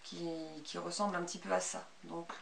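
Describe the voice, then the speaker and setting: A sewing vlogger in her thirties, with a Belgian French accent, talks through her handmade clothes in a casual, unscripted way. Her voice is lowish, creaky and fairly bright, with a flat, fairly quick delivery. She's recorded in a small, bright sewing room by a distant camera mic, with background noise audible.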